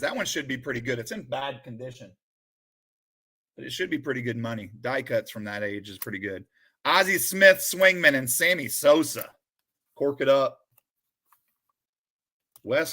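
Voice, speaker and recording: A bright, high-ish male voice that swings widely in pitch while he commentates on a live stream. He calls out names slowly and deliberately, then drops into low muttered asides. His excitement comes in bursts. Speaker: sports card streamer opening a collection.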